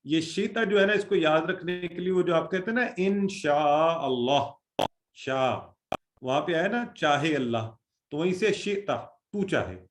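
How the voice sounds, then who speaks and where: A man's voice: fairly high pitch, reverberant. A man teaching Quranic Arabic in an online class, explaining words with everyday Urdu examples and putting questions to his students.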